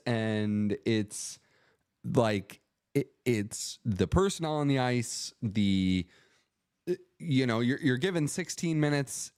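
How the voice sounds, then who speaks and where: A man co-hosting a sports podcast, talking through the game in an easygoing, measured way. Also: mid-range voice, darkish tone, clean tone, dry recording, studio quality. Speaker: podcast co-host. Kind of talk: casual postgame chat.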